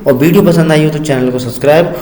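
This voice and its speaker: A man with a fairly high voice teaches a classroom-style English lesson in Hindi. He asks questions and answers them himself, and stretches the example words out slowly and low. The sound bounces around a roomy space with a long, ringing reverb. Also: dark tone. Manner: calls the listener "beta" fondly. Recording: echoey room with long reverb.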